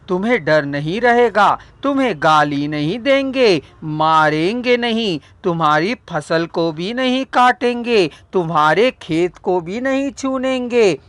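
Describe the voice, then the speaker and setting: A man's voice: high voice, fairly bright tone, no echo, exaggerated voice. A man reading the lines of a scheming man who urges someone to use a pistol, in an insistent, persuasive way.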